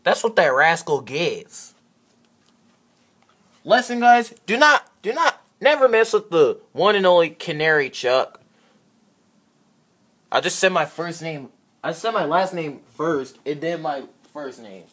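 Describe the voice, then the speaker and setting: A man with a husky voice play-acts cartoon-style characters in a halting, excitable way, stumbling and repeating words. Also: a little high. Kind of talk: improvised character play-acting for a fan video.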